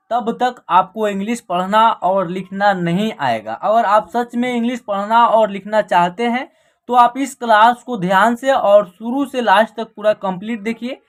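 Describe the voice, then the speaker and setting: A woman teaches an online English reading class at a steady classroom pace. She spells words out letter by letter, poses short rhetorical questions and answers them herself. She checks in with the class over and over, keeping the tone patient and instructive. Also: on the high side. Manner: repeats "ठीक है" as a check-in.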